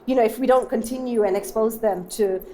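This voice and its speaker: A woman's voice: fairly high pitch, fairly quick, mellow, slight background noise. A woman with a British accent, a dancer and mother, speaking heartfelt in an event interview.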